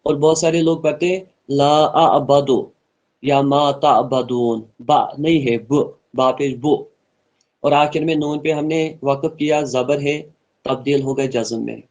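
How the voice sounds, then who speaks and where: A man with a slightly high, steady, somewhat mellow voice teaches an online Quran tajweed class. He earnestly explains each pronunciation rule and repeats his points for the students, then models the verses in slow, melodic recitation.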